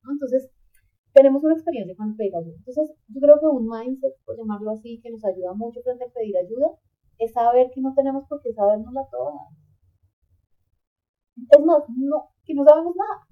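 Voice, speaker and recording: A woman's voice: high voice, normal speed. A woman, a podcast guest, giving earnest, reflective advice in a conversational way and acting out quoted examples. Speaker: podcast guest, migrant coach. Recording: tinny phone-like line.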